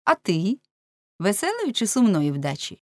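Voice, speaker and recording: A woman's voice: medium pitch, wildly swooping pitch, a little slow, no echo, voice pushed up. A woman reading the part of a bold, teasing young man in an audiobook, in a forthright manner.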